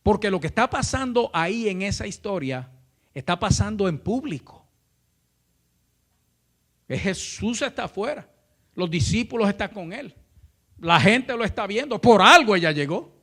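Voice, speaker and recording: High, bright-voiced fervent male preacher. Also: animated, moderate pace, pauses often. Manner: fervent preaching that swells into shouting; often calls out to the listener as brother. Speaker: pastor. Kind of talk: impassioned sermon.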